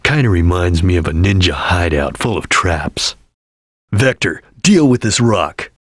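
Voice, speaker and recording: A man voicing a serious, vigilant ninja chameleon in a video game, with a husky, gravelly voice and a terse, solemn delivery. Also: deep voice, lively intonation, a bit bright, no room sound, clean studio sound, exaggerated voice. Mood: guarded, calm. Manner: terse, solemn, deliberate, formal. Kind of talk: English video game voice acting.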